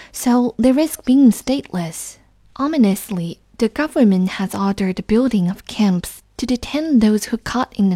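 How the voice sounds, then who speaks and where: Young woman tutor, mellow and dry-sounding, steady explanatory delivery with careful read-alouds. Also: mid-range voice, no echo. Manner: careful, reads English passages aloud slowly. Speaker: English reading tutor. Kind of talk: explanatory close-reading lesson.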